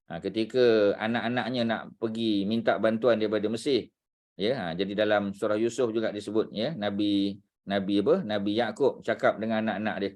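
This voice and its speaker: A man teaching a religious class, unhurried, searching for words aloud and dropping frequent fillers. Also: on the low side, steady tone, a little mellow.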